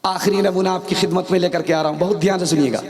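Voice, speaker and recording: A man's voice: sits high, steady tone, fast talker, a little mellow. A man preaching a sermon, telling stories and acting out the quotes of the people in them. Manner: storytelling with acted quotes. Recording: hall reverb, crowd audible.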